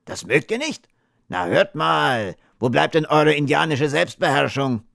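A worldly cowboy teases and frets, as a male narrator plays him. The figure sits higher than the reader's own voice. The storybook recording is dry and close. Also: lively intonation, a little slow, gravelly, fairly bright tone, no room sound, exaggerated voice. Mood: teasing. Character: adult cowboy, teasing and wary.

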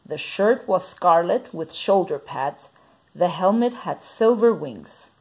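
Husky-voiced woman reading a picture book. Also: fairly low pitch, slow. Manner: lively, expressive. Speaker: storyteller. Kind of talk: children's picture book read-aloud.

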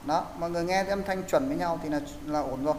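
A man's voice: on the high side, rapid-fire, a little mellow. A man teaching English pronunciation in an online class, explaining and coaching students step by step. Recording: echoey, roomy hall sound with faint hiss.

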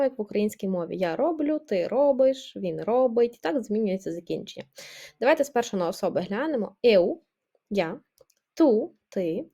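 A woman's voice: fairly high pitch, mellow. Patient woman teaching a grammar lesson. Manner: patient, explanatory, checks in with "так?". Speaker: language teacher.

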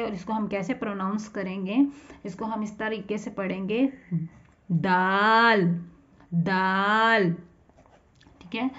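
A woman's voice: medium pitch, a little mellow. A woman with a Pakistani Urdu accent teaching children to read letters, patiently repeating each sound and explaining how to shape the mouth. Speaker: teacher of Quran reading for children. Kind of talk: slow spoken lesson, drawing out letter sounds. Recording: dull lo-fi sound.

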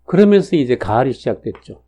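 In a dull lo-fi recording, a lecturer in his sixties talks about national fortune cycles. His medium-pitched, mellow voice swings widely in pitch and runs a little fast, and his chatty lecture is full of fillers and tag questions.

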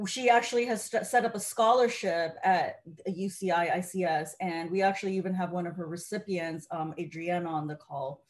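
A middle-aged woman moderating an online panel, introducing the next speaker with quick asides over a video call. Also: lowish voice.

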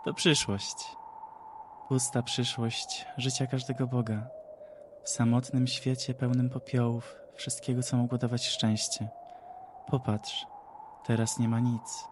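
A man's voice: medium pitch, flat delivery, noisy background, close to an everyday voice. A man putting on a cackling mad sorceress. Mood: eerie, taunting. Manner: slow, taunting, sing-song with cackling laughs. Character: mocking mad woman, ancient sorceress, cruel.

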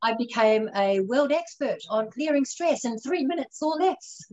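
A woman who is a radio interview guest, telling her own story earnestly and reflectively and slowing down on the lessons she wants to land. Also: on the high side, expressive, darkish tone, dull audio. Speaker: guest speaker.

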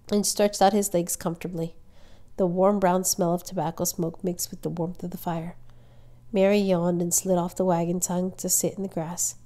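A woman reading a children's novel aloud as a storyteller, with measured, expressive narration. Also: fairly low pitch.

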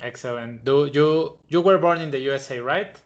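A man in his thirties hosting a podcast, asking halting questions over a video call. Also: fairly high pitch. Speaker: podcast host. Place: small indoor room. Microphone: headset on video call. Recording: dull lo-fi video call audio.

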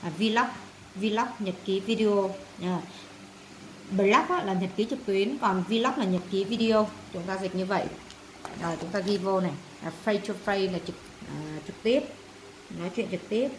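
A woman at a middle pitch teaches a vocabulary lesson, saying each word several times before translating it. She pads her speech with frequent filler sounds. Faint background noise sits under her voice. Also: moderate pace. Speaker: English teacher.

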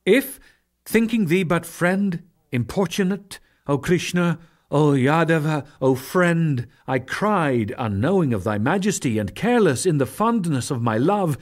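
In a dramatic scripture reading, a man plays a warrior filled with awe and reverence, his delivery fervent and pleading and broken by declamatory pauses. His pitch sits fairly high, and he sounds animated.

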